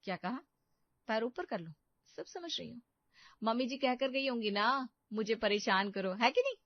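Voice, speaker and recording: A woman voicing a shrill, melodramatic young bride. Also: very animated, moderate pace, no echo, highs cut off. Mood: suspicious. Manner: whiny, accusing, theatrical wailing. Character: melodramatic young female daughter-in-law, self-pitying. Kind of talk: animated story voice acting.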